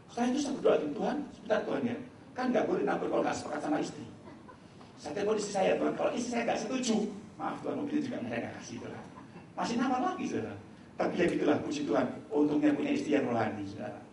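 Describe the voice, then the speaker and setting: A male pastor from Indonesia preaches with a lively, swooping voice and a gravelly edge. He talks quickly and acts out the lines of the people in his story. The sound is very echoey and distant, like a large church hall heard from back in the room, with faint noise behind it. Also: on the high side. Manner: animated storytelling, acting out dialogue. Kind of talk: sermon.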